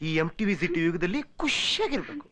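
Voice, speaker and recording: A man's voice: big pitch swings, a little fast, a bit bright, a little hiss or hum. An actor playing a brash, cynical young man who taunts and preaches in film dialogue. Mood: taunting. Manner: taunting, preachy, wild swings of pitch.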